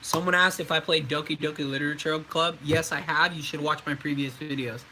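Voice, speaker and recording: Man, voice actor, casual livestream Q&A, rambling, lots of ums, very bright tone, slightly high pitch. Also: steady tone, brisk, a little hiss or hum, low-quality recording. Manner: rambling with frequent ums and likes.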